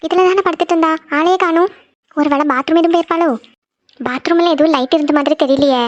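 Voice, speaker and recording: A woman's voice: extremely high pitch, fairly even intonation, quick pace, dry recording. Woman putting on an old fussing grandmother. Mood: worried. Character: elderly grandmother, fussy and caring. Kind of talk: cartoon voice acting. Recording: dull lo-fi audio.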